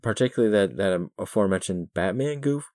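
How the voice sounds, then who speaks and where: A middle-aged man co-hosting a podcast, chatting casually about a film with wry chuckles and halting restarts. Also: fairly low pitch, expressive, darkish tone, no room sound, clean studio sound. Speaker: podcast co-host.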